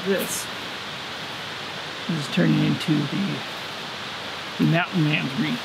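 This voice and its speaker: A man talks casually to a camera in a snowy forest, pausing with plenty of fillers as he works. His voice is gravelly, and he sounds a little distant from the mic. A loud hiss of a nearby stream runs under everything. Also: a little high. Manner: relaxed, rambling with fillers. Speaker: hiking vlogger. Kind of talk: casual outdoor vlog narration. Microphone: camera on tripod at a distance.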